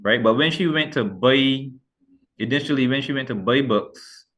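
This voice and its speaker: A middle-aged Barbadian author, speaking with a Barbadian accent, talks as a guest in a casual interview. He's earnest and rambling, correcting himself and restarting often, in a medium-pitched, slightly bright voice at a moderate pace.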